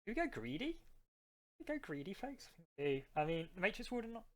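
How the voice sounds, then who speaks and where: A man's voice: high-pitched, very animated, quick pace. A man streaming a card game live, chatting casually with his viewers and rambling between plays.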